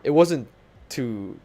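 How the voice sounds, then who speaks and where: A young man with a Filipino English accent chats casually on his stream, telling stories and reading chat. His voice swings widely in pitch and has a gravelly fry. He swears freely and often breaks into laughter. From Philippines. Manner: animated, swearing, laughing storyteller. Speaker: VTuber streamer.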